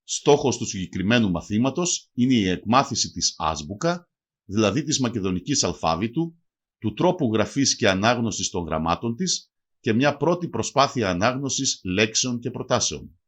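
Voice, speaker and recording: A man reading a scripted language lesson, spelling out example words slowly and deliberately. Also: mid-range voice, sing-song. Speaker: language teacher.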